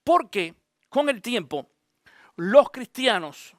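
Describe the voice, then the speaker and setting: A man, a pastor, giving an animated Bible teaching, often asking his listeners direct questions. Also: very high-pitched, takes it slowly, no echo, clean studio sound.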